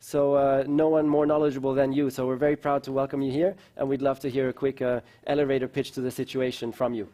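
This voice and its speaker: A man's voice: mid-range voice, level tone, fast talker, hardly any pauses, mellow. A man hosting a live-streamed festival talk, hesitant and full of fillers. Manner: hesitant, many fillers, switches between German and English. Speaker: festival co-founder and host.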